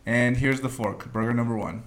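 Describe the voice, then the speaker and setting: A man's voice: mid-range voice, steady tone, moderate pace. A man hosting a podcast taste test, with playful game-show patter and chuckles. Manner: jokey, announcer-style patter with chuckles. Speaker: podcast host running a blind taste test. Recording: roomy echo.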